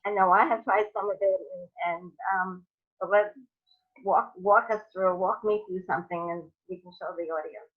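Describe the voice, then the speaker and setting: A woman's voice: mid-range voice, fairly even intonation, moderate pace. A woman hosting an interview, eager to join in and restarting her sentences. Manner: eager, stumbling over restarts. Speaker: host. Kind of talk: interview chat. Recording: phone-like husky audio.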